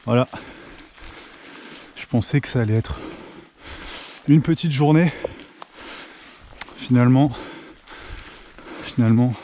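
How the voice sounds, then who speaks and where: French hiker vlogging outdoors, mellow voice. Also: male voice, lowish voice, slight background noise. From France. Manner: chatty, thinks aloud with restarts and "hein". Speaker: hiker filming himself. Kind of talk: casual vlog narration. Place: mountain trail outdoors. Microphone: handheld camera.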